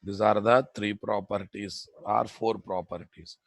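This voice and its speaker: A man's voice: lowish voice, steady tone, a little slow, gravelly, no room sound. A man with a Telugu Indian accent teaching a live programming class as the instructor, repeating his phrases and checking that students follow. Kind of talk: live technical lesson.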